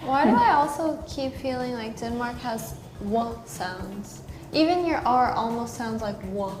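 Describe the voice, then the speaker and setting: An American woman hosting a casual chat comparing words across languages, curious and quick to laugh. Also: fairly high pitch, animated. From United States. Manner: giggly and curious. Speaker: host. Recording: echoey room with music behind.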